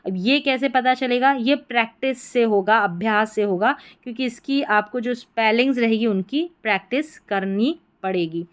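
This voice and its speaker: A woman explains pronunciation rules to beginners, patient and methodical, restating each point more than once. Her voice is smooth and clear and sits a little high. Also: normal speed, hardly any pauses. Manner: patient, repeats points in several words. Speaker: English teacher.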